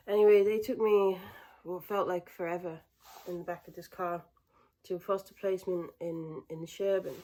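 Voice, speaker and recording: Young northern English woman, lowish mellow voice, candid and reflective, lots of hesitant pauses; personal storytelling to camera. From northern England. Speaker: vlogger.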